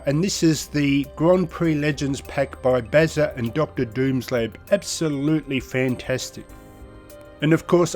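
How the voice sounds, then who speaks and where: A man's voice: a little high, darkish tone. A man hosting his sim racing channel in a casual, chatty way, his voice nasal and congested from a head cold. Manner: chatty, rambling, enthusiastic. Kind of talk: casual video commentary.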